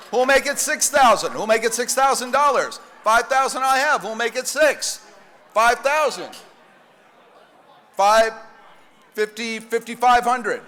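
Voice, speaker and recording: A male auctioneer calls bids to a room with a high, bright, forceful voice. His patter is repetitive and commanding, with joking asides. The sound rings with the long echo of a large hall. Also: slight background noise. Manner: repetitive bid-calling, commanding, jokey. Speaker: live auctioneer and event host. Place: large banquet hall at a fundraising dinner.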